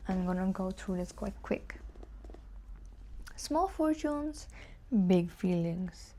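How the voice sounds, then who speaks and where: Here the woman book vlogger sounds expressive and dark-toned at a medium pitch, talking slowly as she works through tag questions. It's a casual, informal chat to camera, full of hesitant musing.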